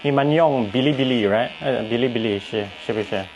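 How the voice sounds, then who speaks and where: 外国男人说磕磕绊绊的中文. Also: male voice, mid-range voice, dull audio. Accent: foreign-accented Mandarin. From northern India, near Myanmar. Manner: foreigner speaking halting, simple Mandarin. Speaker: YouTube vlogger. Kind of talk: casual chat. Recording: noisy ambient background.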